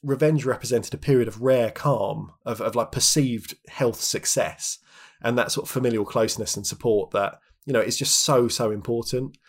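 A husky man in his thirties talks in a loose, reflective way, as a podcast co-host. His pitch sits in the middle. He restarts phrases often and leans on little fillers as he thinks aloud. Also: normal speed. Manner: chatty, many restarts and "like" fillers. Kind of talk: reflective casual chat.

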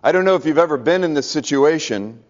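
A man preaching a sermon with earnest conviction, his voice sitting a bit high for a man. He often sinks into a soft hush to press a point home. The recording is dull and lo-fi. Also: lively intonation, fast talker. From American South. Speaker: pastor.

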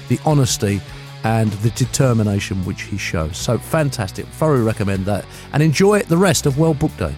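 A man recommending a book in a relaxed, chatty way. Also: lowish voice. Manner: relaxed, warm praise with fillers. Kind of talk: book recommendation for school radio. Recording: guitar music underneath.

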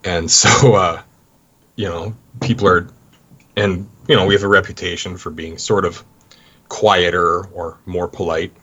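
A man's voice: low-pitched, steady tone, a little slow, pushed and bright, husky. A Canadian man talking casually about life abroad, rambling with many restarts. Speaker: guest. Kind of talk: casual conversation. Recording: dull lo-fi sound.

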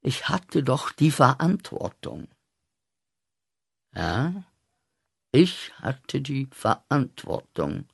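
A man's voice: medium pitch, big pitch swings, creaky, breathy edge, dry recording, clean studio sound, full character voice. A man playing a haunted, guilt-ridden soldier. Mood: weary pleading. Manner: intense, declaiming, slow and rhythmic. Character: haunted war-returned German corporal, guilt-ridden man. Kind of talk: radio play acting.

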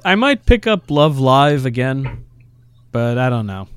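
A man's voice: medium pitch, very animated, unhurried, clean tone. A twenty-five-year-old man chatting on a gaming podcast, wry and teasing, laughing often in the banter. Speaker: podcast co-host, YouTuber and audio engineer. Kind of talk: casual podcast chat.

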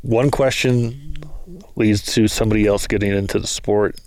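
A man telling a lively story in casual talk, acting out the quoted lines of others. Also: lowish voice, moderate pace. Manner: animated storyteller, acts out quotes. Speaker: guest, bow hunter.

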